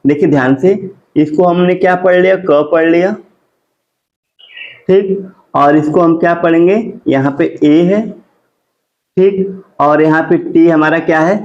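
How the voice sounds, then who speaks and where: A fairly high-voiced male teacher gives a classroom grammar lesson. He keeps asking his students questions and answering them himself, and he stretches out his spelling of each word. The sound is dull and lo-fi. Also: a little mellow. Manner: drawn-out slow spelling of words.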